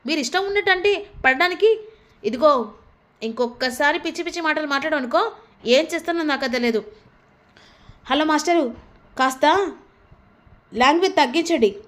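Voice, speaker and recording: A woman voicing a fiery, outspoken young woman who argues loudly in a recapped TV story. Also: high voice, lively intonation, brisk. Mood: angry. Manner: loud, quarrelsome.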